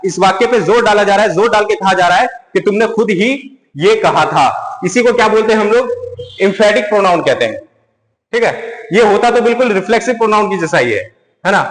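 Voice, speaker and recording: A man's voice: high-pitched, a bit bright, echoey room, big-room sound, rough recording. A man with a Hindi accent teaching a grammar lesson, repeating points and asking and answering his own questions.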